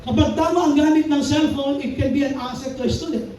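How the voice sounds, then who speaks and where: High-voiced pastor preaching in an echoey hall. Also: male voice, steady tone, fairly quick, darkish tone. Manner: preaching, mixing Tagalog and English, reading scripture aloud. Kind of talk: sermon. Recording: very echoey hall, mic far off, faint noise.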